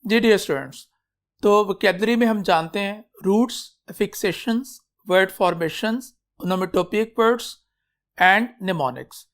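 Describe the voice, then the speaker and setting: A male English teacher with a Pakistani accent talks his class through spelling rules at an unhurried, measured pace. He spells things out patiently and keeps pausing to check that his students are following, calling them affectionately by pet names. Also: high-pitched, fairly bright tone. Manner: slow and deliberate, calls students "beta", repeats checks like "clear?". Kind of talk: classroom lecture mixing Hindi-Urdu and English.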